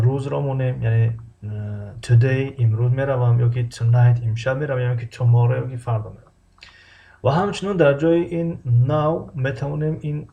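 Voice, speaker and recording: Male language teacher, native Persian, with a gravelly dark voice. Drills English phrases slowly with frequent fillers. Dull lo-fi recording. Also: mid-range voice. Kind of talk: language lesson.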